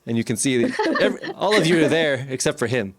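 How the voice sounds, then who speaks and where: A man's voice: medium pitch, very animated, fast talker, no room sound, faint music behind. A man running a tabletop game as game master, narrating casually. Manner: casual, laid-back narration.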